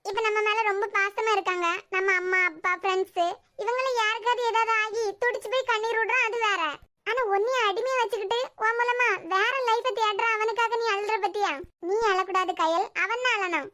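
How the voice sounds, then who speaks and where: A woman's voice: very high-pitched, steady tone, brisk, sharp tone. A woman voicing a blunt, protective young friend in a cartoon series, lecturing firmly with a Kanyakumari Tamil accent. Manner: firm, lecturing.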